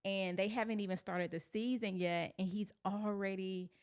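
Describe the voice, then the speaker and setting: A woman's voice: medium pitch, steady tone, normal speed, clean tone. A young woman raised in North Carolina, a sports PR manager, telling her story in an upbeat way as a podcast guest. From born in Alabama, raised in North Carolina. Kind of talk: casual interview chat.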